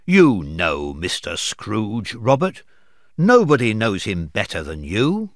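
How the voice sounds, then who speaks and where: A man reading aloud voices a sharp-tongued mother of a poor family, speaking firmly and resentfully. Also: on the low side, wildly swooping pitch, slow, dry recording, studio quality, exaggerated voice.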